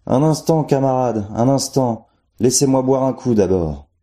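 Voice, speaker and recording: Brief: sly male voice from a well, thirsty, raised and slow, put on by a male narrator. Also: medium pitch, expressive, mellow, voice pushed up, close to an everyday voice. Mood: sly demanding.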